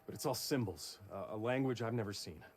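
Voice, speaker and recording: An actor playing a grim, wary male investigator with a clipped, gruff delivery. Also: fairly low pitch, lively intonation, normal speed, darkish tone, slight background noise, close to an everyday voice. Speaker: player character. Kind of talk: video game voice acting.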